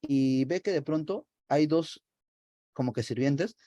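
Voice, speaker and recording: A man's voice: fairly high pitch, unhurried, no echo, lo-fi sound. Male teacher retelling a play. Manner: lively, peppers sentences with "no?". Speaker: literature teacher. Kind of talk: storytelling lecture to students.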